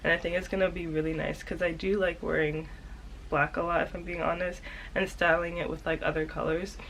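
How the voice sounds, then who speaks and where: A young woman with a slightly nasal, stuffed-up voice from a cold, talking in a casual, halting, informal vlog style. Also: lowish voice, little pitch movement, fairly bright tone, a little hiss or hum, poor audio. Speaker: sewing vlogger.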